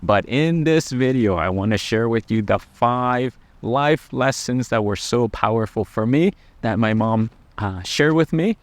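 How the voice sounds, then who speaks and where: A middle-aged man who is a Buddhist monk, talking gently and earnestly to camera about life lessons, with frequent pauses. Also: mid-range voice, expressive, no echo. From Laos. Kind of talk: personal reflective talk to camera.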